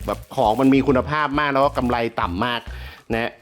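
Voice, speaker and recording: A man hosting a casual vlog from around a house, excitable and joking, swearing freely and talking straight to his viewers. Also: medium pitch, fairly quick. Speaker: YouTube host.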